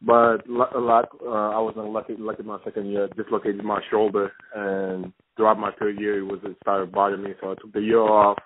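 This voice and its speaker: A young man from Senegal, a former basketball player, talking as a phone-in guest in a halting way with frequent restarts. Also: on the low side, monotone. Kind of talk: casual phone interview. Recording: tinny phone line with faint hiss.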